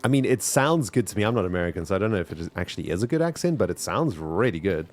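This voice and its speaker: He talks rapid-fire in a low voice full of big pitch swings. A South African-accented streamer, he offers casual gameplay commentary, rambling and responding to his chat directly.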